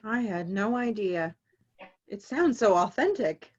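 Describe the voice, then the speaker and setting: A woman reading the part of a calm male therapist who speaks in a patient, reassuring way. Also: medium pitch, unhurried. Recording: dull lo-fi audio.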